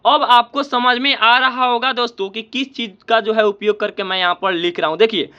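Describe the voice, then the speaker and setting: A man with a high voice teaches a lesson at an unhurried pace. He explains each step and keeps asking his viewers questions, then answers them himself. The recording sounds slightly dull and lo-fi. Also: steady tone, sharp tone. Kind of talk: spoken classroom lesson.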